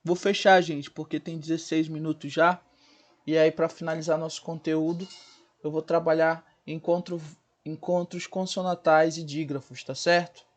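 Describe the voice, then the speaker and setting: A male teacher, giving a recorded grammar lesson and sounding out words slowly, syllable by syllable, often checking in with his class. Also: fairly high pitch, flat delivery. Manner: checks in with the class, asking "né?" and "certo, gente?".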